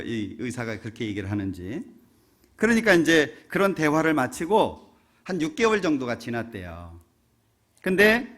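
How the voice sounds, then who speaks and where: A man's voice: a little high, fairly bright tone. A man preaching a sermon in a church. He tells a funny story and keeps asking the congregation rhetorical questions. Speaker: pastor. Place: church sanctuary.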